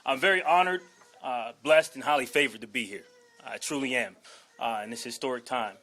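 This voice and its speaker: Speaking a little fast with a sharp tone at medium pitch, a man in his forties from Washington, D.C. addresses a press conference as the new head football coach. His introductory speech is earnest and emphatic, his emotions held back, with "okay?" and "all right?" punctuating his lines.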